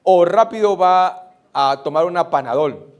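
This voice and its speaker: A man's voice: high voice, animated, a little slow, smooth. A middle-aged man preaching a sermon, putting rhetorical questions to his congregation. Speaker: pastor.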